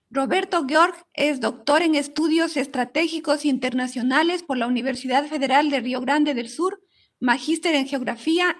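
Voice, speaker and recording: A woman with a notably high voice moderates an academic session. She reads a prepared introduction aloud in a formal manner. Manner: formal, reading biographies aloud.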